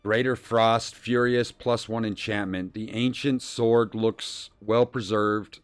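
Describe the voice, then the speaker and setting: A man's voice: fairly low pitch, fairly even intonation, takes it slowly, clear, resonant tone, soft background music. A man streaming a role-playing game, casually thinking aloud and reading out game text as he plays.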